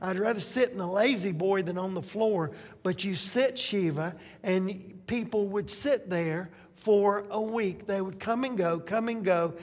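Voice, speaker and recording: Older preacher with a high, unhurried voice. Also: male voice. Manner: conversational, with rhetorical questions to the congregation. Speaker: pastor. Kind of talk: sermon. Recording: long reverb of a large hall.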